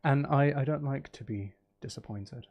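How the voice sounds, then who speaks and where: A man hosts a casual livestream, talking with viewers and commenting on the game he's playing, full of teasing, rambling banter and jokes at his own expense. His medium-pitched voice moves at a moderate pace, and the recording sounds muffled.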